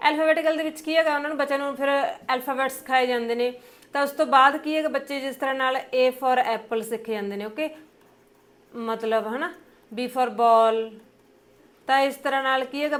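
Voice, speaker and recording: A young teacher with a Punjabi accent delivers an exam-prep lecture in a slightly high voice. She explains patiently, pads her points with fillers, and slows down over the English terms.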